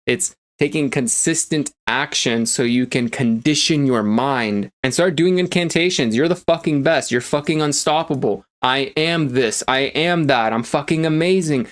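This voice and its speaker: A man with an average-pitched voice talks as a motivational coach, casual and full of energy. He leans hard on his points, scatters fillers through his speech and swears now and then for punch. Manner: energetic and emphatic, filler-heavy, swears for emphasis.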